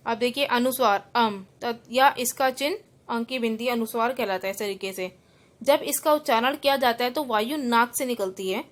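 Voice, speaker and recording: A woman teacher with a fairly high voice takes students through a grammar lesson. She breaks words apart sound by sound and then explains each rule again more simply, slipping English terms in along the way. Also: normal speed. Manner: spells out words letter by letter. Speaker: school teacher.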